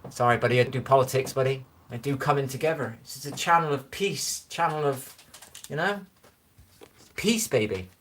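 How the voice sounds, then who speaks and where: A man's voice: medium pitch, steady tone, fairly quick, hardly any pauses, fairly bright tone, slight background noise. Rambling Bristolian man on a live stream. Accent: Bristolian West Country English. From Bristol, England. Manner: rambling, chatty, easily amused. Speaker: livestreamer. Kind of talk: casual live-stream chat reading comments. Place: his own room, lights low. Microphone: phone.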